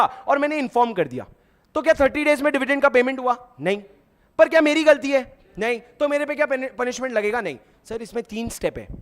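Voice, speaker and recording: High-pitched male tutor with an Indian accent, drills points with rhetorical questions and mnemonics. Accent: Indian English mixed into Hindi. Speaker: teacher. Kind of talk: exam revision lecture.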